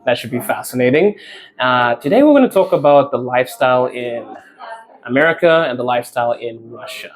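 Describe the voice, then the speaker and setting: A man's voice: mid-range voice, lively intonation, fairly quick. A man hosting a podcast, asking curious questions casually and laughing often. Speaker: podcast host. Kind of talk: casual interview chat.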